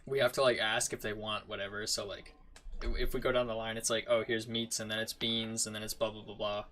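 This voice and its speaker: A man's voice: fairly low pitch, fast talker, a little hiss or hum. A young man streaming a game, chatting casually and acting out customers in his stories. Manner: animated storyteller, acts out customers. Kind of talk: casual chat while gaming.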